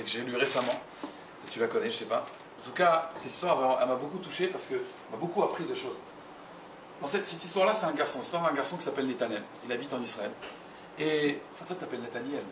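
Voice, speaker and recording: Rabbi telling a story in an echoey hall. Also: male voice, mid-range voice. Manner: addresses listeners directly, repeats phrases for emphasis. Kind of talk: storytelling sermon. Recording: roomy, distant mic, noisy ambience.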